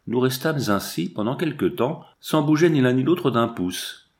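A man reading a first-person adventure novel aloud as a measured, tense audiobook narration. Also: medium pitch, expressive. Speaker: audiobook reader.

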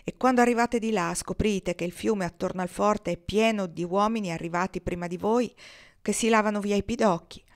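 A woman reading the lines of an eager, chatty male gold prospector in a storybook reading, with a lively storytelling tone. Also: mid-range voice, fairly quick, natural voice.

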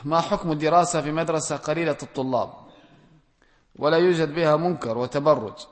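A man, a religious scholar, reads audience questions aloud and answers them one at a time, offering plain, direct rulings and gentle admonishment. His voice is fairly high and brisk. A large hall gives the recording a long reverb.

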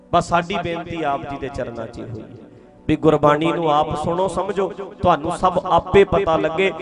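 A man preaching from a stage to a congregation, earnest and pleading, repeating his phrases for emphasis. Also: fairly high pitch. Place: outdoor religious gathering stage. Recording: crowd noise from a large gathering.

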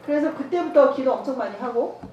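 A woman's voice: sits high, a little fast, mellow, lo-fi sound, a little hiss or hum. A woman giving a sermon with a personal testimony. She acts out dialogue as she tells the story and laughs often. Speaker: evangelism trainer. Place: church. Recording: echoey church hall, mic at a distance.

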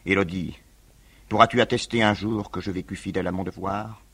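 A man's voice: low voice, steady tone, a little fast, a bit bright, breathy edge, full character voice. An actor playing a brooding, fanatical young male revolutionary in a 1950s radio reading, with grave, solemn declamation. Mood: grave, somber.

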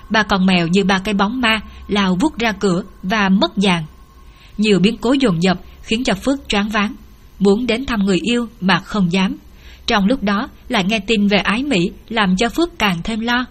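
A woman narrating a dramatic novel in a steady storytelling voice. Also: medium pitch. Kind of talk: audiobook storytelling.

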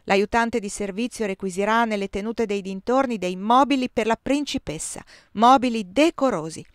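A woman's voice: medium pitch, normal speed, dry recording, natural voice. Brief: soldier-prince, fond but used to giving orders, read plainly by a woman, dry sound. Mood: commanding. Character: man, soldier-prince, warm and teasing to his wife.

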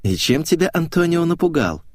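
A man's voice: a little high, very animated, fairly quick, dry recording, clean studio sound, pitched above the performer's own voice. Man doing a purring, taunting young woman. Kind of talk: audiobook character voicing.

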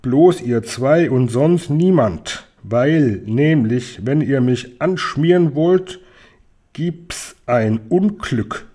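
A man voicing a gruff middle-aged robber reading out his ransom note, slow, loud and menacing. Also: mid-range voice, expressive.

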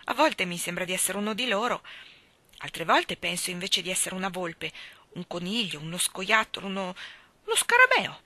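A woman's voice: lowish voice, sing-song, moderate pace, full character voice. Woman reading as Deacon, a cheerful country boy. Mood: friendly. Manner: warm, friendly, hushed at times. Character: cheerful country boy who talks to animals.

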